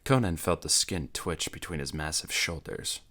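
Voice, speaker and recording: A man reading an audiobook as narrator, in a measured, dramatic delivery. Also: a bass voice, expressive, pushed and bright. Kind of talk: scripted narration.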